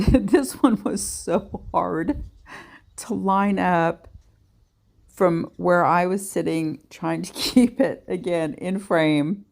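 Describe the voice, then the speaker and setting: A woman's voice: fairly low pitch, slow, creaky, darkish tone. A woman giving a chatty, self-deprecating nail art tutorial in a casual voice-over.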